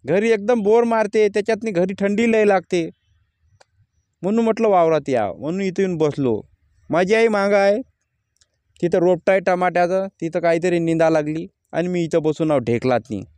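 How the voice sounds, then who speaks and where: In a casual outdoor vlog from a farm field, a man with a high-pitched, slightly mellow voice speaks frankly about crop prices at a normal speed. His plain talk rises into an angry rant, and the audio has no echo.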